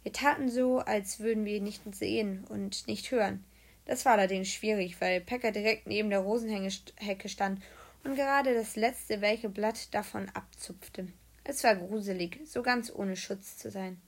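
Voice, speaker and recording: A woman narrating a children's audiobook in a lively storytelling manner. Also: mid-range voice, unhurried. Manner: lively storytelling, voicing characters.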